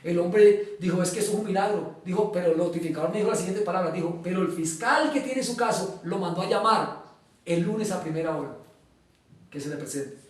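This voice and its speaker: A man gives an earnest personal testimony in an interview, acting out the dialogue he quotes and pausing on filler sounds. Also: sits high. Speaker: guest giving testimony. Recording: echoey room, mic at a distance.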